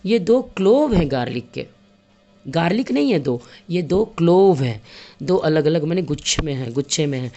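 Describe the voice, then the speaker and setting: A woman's voice: deep voice, lively intonation, normal speed, dark tone, dull audio, soft background music. A woman teaching young children a grammar lesson in mixed with terms, patiently counting objects aloud and repeating points.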